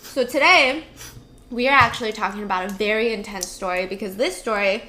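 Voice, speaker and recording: A woman's voice: mid-range voice, brisk, bright, forceful tone, a little hiss or hum. A young woman hosting a chatty eating vlog, bubbly and giggly, with casual swearing. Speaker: mukbang vlogger.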